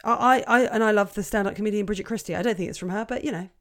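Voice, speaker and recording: A woman's voice: medium pitch, rapid-fire. Brief: woman podcast co-host, teasing, playful banter. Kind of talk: casual chat.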